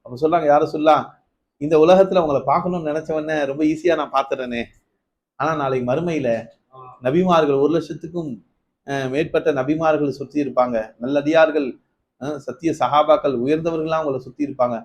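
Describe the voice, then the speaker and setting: Male preacher, storytelling sermon, fairly high voice, emphatic swells. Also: fairly even intonation, fairly quick, a little mellow. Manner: storytelling, rising to emphatic peaks then dropping low; questions to the listeners. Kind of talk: Ramadan night sermon.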